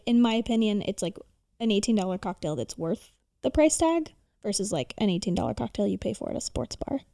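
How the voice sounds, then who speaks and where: A woman's voice: mid-range voice, mellow, no echo, clean studio sound. An American woman co-hosting a podcast, casually sharing recommendations in informal speech peppered with "like". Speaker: podcast co-host.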